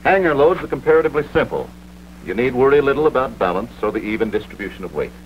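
An American man narrates a vintage military training film in a scripted, authoritative instructional manner. He talks fast at a medium pitch with big pitch swings, over a dull vintage film soundtrack with hum and hiss.

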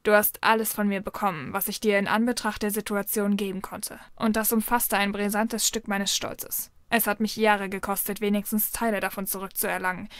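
A woman voicing a proud, bitter young man who speaks in a slow, clipped, scornful way. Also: mid-range voice, level tone, no room sound, studio quality, close to an everyday voice. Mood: cold, scornful.

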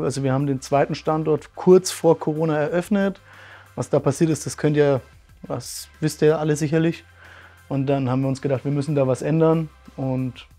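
A man in his 30s, owner of a martial arts school, tells his story in a testimonial interview in a warm voice on the high side. He's earnest and thoughtful, leaning on many fillers, and the setting is a bright indoor room with curtains.

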